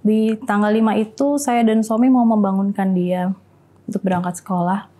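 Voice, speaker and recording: Mellow-voiced mother telling her story. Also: medium pitch, steady tone, normal speed, rough recording. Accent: Indonesian. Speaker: guest. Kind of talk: personal testimony.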